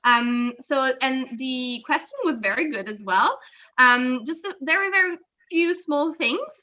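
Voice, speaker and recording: A woman teaching English on a video call, patient and explaining slowly with many fillers. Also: high-pitched, lively intonation, pushed and bright, muffled recording. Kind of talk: online language lesson.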